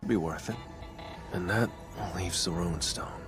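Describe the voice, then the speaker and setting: A cool flat-toned young anime hunter. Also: male voice, measured pace, soft background music. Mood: detached. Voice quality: flat edgy monotone. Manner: low, quiet, detached delivery. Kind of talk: anime dub clip.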